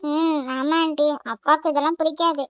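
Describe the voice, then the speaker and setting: A woman's voice: high-pitched, flat delivery, normal speed, no echo, lo-fi sound, close to an everyday voice. A woman voicing a sweet, polite young woman who is a guest in a cartoon, with a Tamil accent. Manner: polite and soothing.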